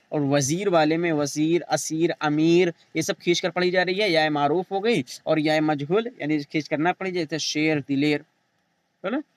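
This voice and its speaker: High-voiced man teaching grammar. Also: no echo. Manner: repeats examples, asks and answers own questions. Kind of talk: recorded grammar lesson.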